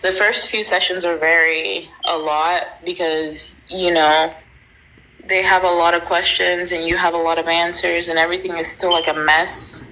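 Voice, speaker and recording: A woman's voice: fairly low pitch, flat delivery, normal speed, sharp tone, slight background noise, low-quality recording. Candid woman in her thirties on a live stream. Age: 30s. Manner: candid, reads viewer comments aloud and answers them. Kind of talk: casual live-stream chat.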